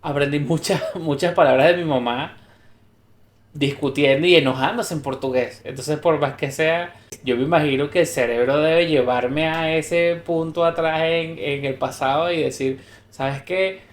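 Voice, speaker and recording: In this roomy, echoing recording, a male podcast co-host with a fairly high voice talks at a moderate pace. His conversation is relaxed but considered, and he explains things by giving examples and starting over mid-thought.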